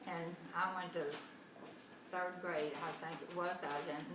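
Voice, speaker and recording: Old grandma in her 90s, lowish voice, halting, far off mic in an echoey noisy room. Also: steady tone. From Arkansas. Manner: slow, halting recollection, hard of hearing. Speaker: interviewee, grandmother. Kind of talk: casual family interview.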